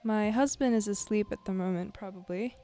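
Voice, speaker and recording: A woman chatting casually and a little haltingly as she streams her drawing, with an easygoing manner. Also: mid-range voice, mellow. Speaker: art livestreamer. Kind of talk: casual livestream chat while drawing. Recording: music behind the voice. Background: music.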